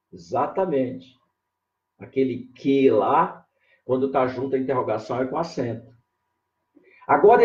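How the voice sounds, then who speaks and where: A man's voice: on the high side, darkish tone. A man teaching grammar in a live online lesson, drawing out key words, repeating "ó" as he points things out, and greeting viewers by name. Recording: echoey room, dull lo-fi sound.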